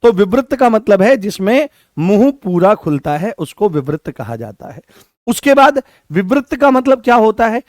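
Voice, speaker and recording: A high-pitched man teaches a Hindi lesson, repeating key terms and firing questions back at his students. The sound is dry and close, with chatty folksy asides between the drills. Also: very animated, moderate pace, dry recording. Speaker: Hindi teacher for exam prep. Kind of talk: classroom lecture.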